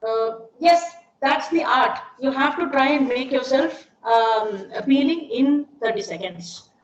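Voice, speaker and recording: A middle-aged woman with an Indian accent, an ad film maker, gives an informal online seminar from indoors, often putting questions to her listeners. Her high voice has lively intonation and a slightly slow pace. The call audio is dull and echoey, with hiss.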